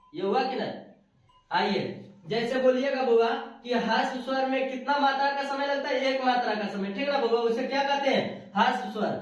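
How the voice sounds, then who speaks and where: Echoey male teacher, drilling. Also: very high voice. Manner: repetitive question-and-answer drilling, affectionate. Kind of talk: spoken video lesson. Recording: very echoey room, far from the mic, dull sound.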